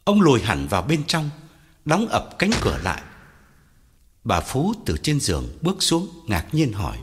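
A man's voice: medium pitch, huge pitch swings, moderate pace, background noise. A man narrating a ghost story audiobook with dramatic, sweeping intonation. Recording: loud background music.

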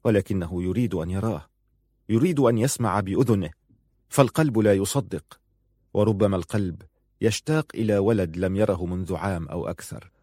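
A man reading a story aloud in a measured, grave manner. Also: sits low, warm tone, dry recording, clean studio sound. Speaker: narrator. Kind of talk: scripted narration.

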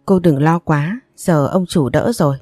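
A woman voicing an elderly, kind family nanny who is flustered and hurried. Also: deep voice, a little mellow, dry recording, soft background music.

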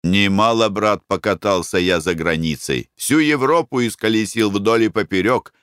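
A man's voice: lowish voice, moderate pace, a bit bright, smooth, no echo, clean studio sound, close to an everyday voice. A man voicing a well-traveled merchant who talks in a wry, moralizing way in an audiobook.

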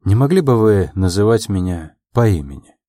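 A man voicing a calm, earnest young man in love in an audiobook, speaking quietly and in a measured way. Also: fairly low pitch, no room sound, clean studio sound. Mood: tender, earnest.

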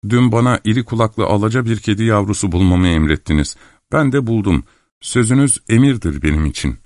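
A man's voice: on the low side, lively intonation, a little fast, darkish tone, no echo, studio quality, voice pushed up, close to an everyday voice. A man reading an audiobook, voicing a burly young cavalry officer who speaks in a courtly, eager-to-please way. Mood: gallant. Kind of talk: audiobook character voice.

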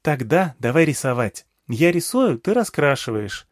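An excitable little girl chirps high and bright, tossing out eager questions with a lively, bouncing lilt, as a male audiobook reader puts her on. The voice sits well above a grown man's normal pitch, recorded close and dry. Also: normal speed, no room sound. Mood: chirpy.

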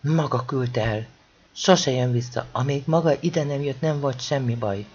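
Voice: mid-range voice, darkish tone, husky, dull audio, lightly acted. An audiobook reader voicing a distraught woman on a farm who pleads and then lashes out shrilly. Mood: accusing.

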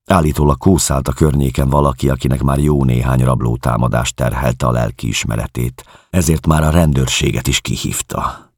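A man reading a novel aloud as an audiobook, in a measured, calm first-person voice. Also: rumbling low, no echo, studio quality. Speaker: audiobook narrator.

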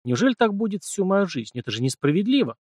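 A man's voice: sits high, sing-song, fast, a little mellow, no room sound, voice pushed up. A man voicing a frightened young female slave and sorceress who speaks timidly. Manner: timid, pleading.

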